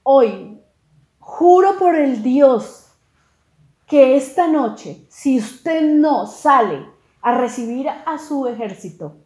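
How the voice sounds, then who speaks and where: A woman's voice: a little high, unhurried, mellow, lightly acted. Woman preacher doing a stern commander, emphatic, echoey room. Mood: stern rebuke. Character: stern male army commander rebuking his king.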